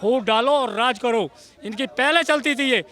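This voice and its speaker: A man's voice: extremely high pitch, normal speed, sharp tone. A man in a street interview outdoors, declaiming like a speech and making accusations. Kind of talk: heated street vox pop.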